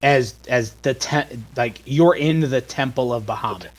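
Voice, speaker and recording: A man's voice: medium pitch, a little slow, low-quality recording. A man narrating a tabletop game as game master, stopping and restarting often as he describes the scene.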